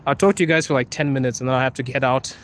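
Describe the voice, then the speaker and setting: A young man from Zimbabwe talks fast at a medium pitch while livestreaming at night on a wet street, phone held as he walks. He's laid-back and playful, reading comments, chatting casually, laughing frequently and teasing viewers.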